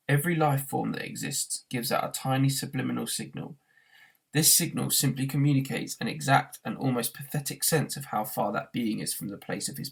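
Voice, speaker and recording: Like a teacher reading to a class, a man narrates a novel aloud with plenty of expression. His medium-pitched voice is gravelly with a breathy edge.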